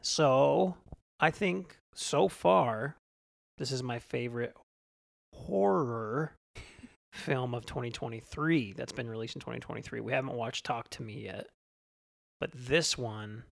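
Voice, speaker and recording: Male podcast co-host, creaky mid-range voice, casual movie review, close dry sound. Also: mid-range voice, measured pace, dry recording. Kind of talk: casual film review chat.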